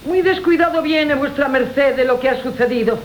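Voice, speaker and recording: In a hissy 1980 radio broadcast of Spanish classical comic theatre, a performer plays Álvarez, a sly, gossipy, opportunistic household servant who acts mock-deferential. The voice sits high and natural, at a moderate pace.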